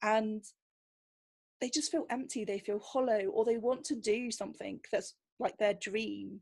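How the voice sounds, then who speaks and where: A woman's voice: mid-range voice, steady tone, measured pace, gravelly, darkish tone. A woman guest, a kinesiologist, telling anecdotes in a casual interview, often acting out the voices of the people she quotes.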